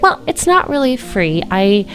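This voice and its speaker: A woman's voice: mid-range voice, very animated, a little slow, soft background music. A woman in her thirties, born and raised in the Czech Republic, talking casually to camera as a homesteading vlogger, chatty and laughing lightly between points.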